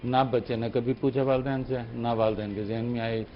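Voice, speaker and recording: A man with a Pakistani Urdu accent, a guest speech therapist explaining on a TV talk show in an earnest, measured way. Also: mid-range voice, fairly even intonation, highs cut off, soft background music.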